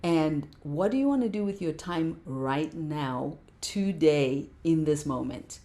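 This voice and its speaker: A woman's voice: deep voice, lively intonation, slow pace, dark tone. A middle-aged woman, a meditation teacher, talking with passion as a podcast guest and repeating words for emphasis. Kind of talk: casual interview talk.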